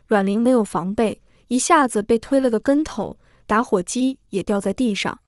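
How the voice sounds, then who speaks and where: A woman narrating a dramatic story in a steady, even reading manner. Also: a little high, moderate pace, dry recording, studio quality.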